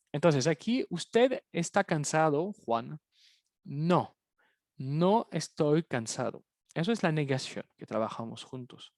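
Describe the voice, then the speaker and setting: A man's voice: a little high, vocal fry, no room sound, studio quality. A man teaching a French review lesson in Spanish, patiently repeating phrases for his students. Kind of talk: online language lesson, explaining in Spanish.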